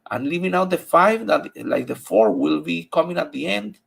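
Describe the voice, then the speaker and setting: Very gravelly Spanish-accented man giving racing picks. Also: a little high, expressive, moderate pace. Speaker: horse racing handicapper. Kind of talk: unscripted race-by-race picks commentary.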